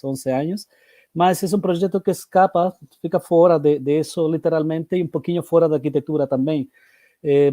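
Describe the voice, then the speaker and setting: A man from Chile, a native Spanish speaker, gives a seminar presentation in halting portunhol, Portuguese with a Spanish accent and Spanish words mixed in. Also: a little high, warm tone, dry recording, clean studio sound. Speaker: academic presenter.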